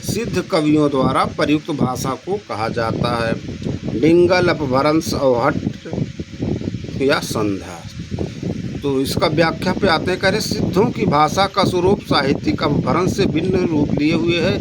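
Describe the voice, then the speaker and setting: A man's voice: on the high side, animated, a little slow. A man tutoring exam questions, repeating key phrases and drawing out each answer option. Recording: noisy background with passing traffic.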